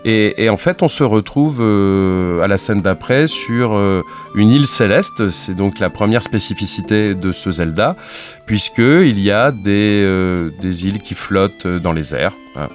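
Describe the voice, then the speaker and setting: A man hosting a relaxed French talk show about video games, chatting with many fillers and restarts. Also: on the low side, measured pace, faint music behind. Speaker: radio show host.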